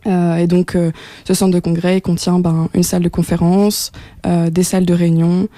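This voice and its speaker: A young woman from France, a guest in a radio studio interview, talking with many fillers and pauses. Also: lowish voice, flat delivery, warm tone, no echo. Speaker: guest, project coordinator.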